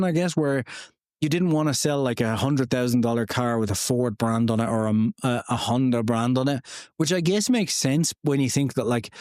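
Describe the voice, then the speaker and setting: A man's voice: medium pitch, darkish tone, dry recording, clean studio sound. A man in his thirties hosting a podcast, telling history in a casual, rambling way with lots of fillers and personal asides. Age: 30s. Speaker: podcast host.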